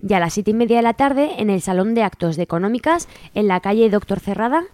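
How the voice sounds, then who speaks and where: Fast and animated, this medium-pitched woman's voice belongs to a radio host from Spain. She casually reads event announcements while music plays underneath.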